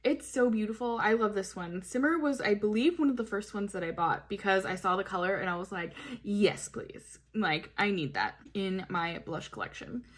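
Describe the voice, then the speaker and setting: A woman's voice: mid-range voice, expressive, brisk, hardly any pauses. A woman reviewing makeup in a casual, chatty way, gushing over each product with plenty of fillers. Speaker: beauty vlogger. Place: home, hot weather.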